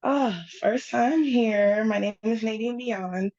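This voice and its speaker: A woman performing spoken-word poetry over a video call, with slow, rhythmic lines and a half-sung refrain. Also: on the high side, darkish tone, dull audio. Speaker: poet performing at open mic.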